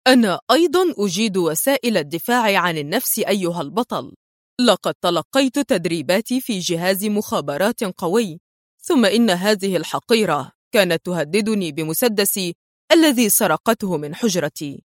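Woman reading as a fierce lady spy, shrill and threatening, dry close audiobook sound. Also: expressive, moderate pace, no room sound, close to an everyday voice. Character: fierce young female spy with a pistol.

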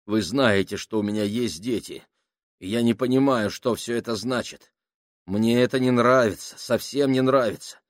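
Man playing a terrified sailor, frantic, shrill, shouting, dry sound. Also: sing-song, a little slow, hardly any pauses, no echo, exaggerated voice. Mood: panicked. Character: panicking terrified male sailor, shaking.

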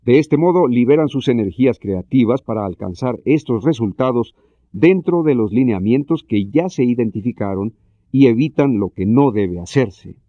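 A man narrating a scripted self-help lesson in a measured, explanatory way. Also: medium pitch, expressive, no room sound, muffled recording.

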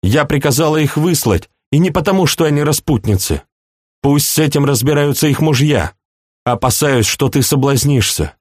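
A man's voice: fairly high pitch, lively intonation, normal speed, a little mellow, husky, dry recording, studio quality, voice pushed up. A man reading an audiobook, voicing a proud and passionate young princess in a raised, pleading voice. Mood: tender.

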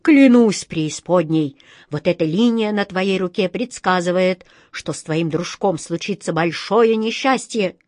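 A woman's voice: fairly low pitch, unhurried, a little mellow, no echo, studio quality, lightly acted. A woman voicing a greedy old fortune-teller who fawns and wails over her predictions, storybook style. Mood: wailing. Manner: wailing, fawning and sly.

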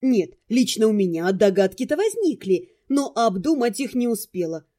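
A woman calmly narrating a first-person fantasy audiobook. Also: fairly high pitch, normal speed.

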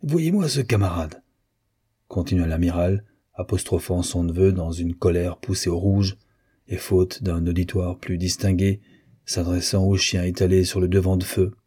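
A man narrating a classic novel as an audiobook in a measured, even reading. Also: deep voice, husky. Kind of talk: scripted narration.

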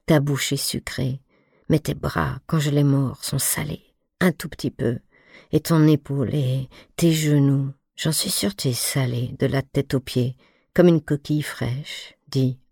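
A boyish, amorous young man who dotes and teases, and pouts when pressed, read by a woman in an audiobook. His tone is low and warm, unhurried, with a close, dry sound. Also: fairly even intonation, gravelly, slightly rough, dry recording, full character voice. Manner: teasing, doting, pouting.

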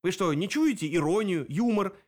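A man's voice: sits high, lively intonation, normal speed, a little mellow, pitched above the performer's own voice. A man voicing a sly, grinning male demon detective in an audiobook, mocking and theatrical.

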